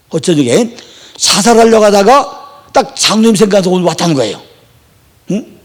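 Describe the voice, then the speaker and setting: High-voiced guy preaching, super lively, swings up and down a lot, chatty storytelling. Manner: animated, swings between high exclamations and low asides, chatty. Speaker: Bible teacher preaching. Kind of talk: sermon.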